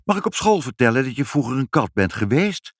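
A curious little girl who keeps pressing with questions, her voice high and lively, as a man reads her part. She sounds eager and never shy about asking. The recording is close and dry. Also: brisk, no echo. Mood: insistent.

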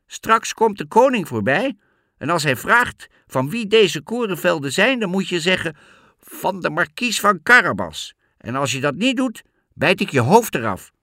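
A man's voice: sing-song, measured pace, bright, forceful tone, dry recording, clean studio sound, exaggerated voice. A man voicing a cunning, bossy talking cat in boots in a storybook reading. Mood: threatening. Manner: high, pushy, commanding.

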